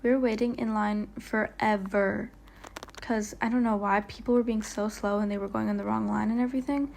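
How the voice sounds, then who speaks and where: A woman's voice: mid-range voice, fairly even intonation, a little fast, gravelly, darkish tone, slight background noise. A woman narrating a casual travel vlog voiceover, chatty and rambling with lots of fillers, stumbling over her words now and then. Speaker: vlogger. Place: voiceover, not recorded on location.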